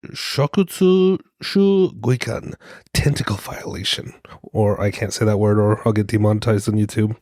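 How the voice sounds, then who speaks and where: With a mid-range, slightly mellow voice, a podcast co-host rambles on in a casual, joking monologue, often mocking himself. His soothing voice sounds a little congested from a cold, in a dry, studio-quality recording.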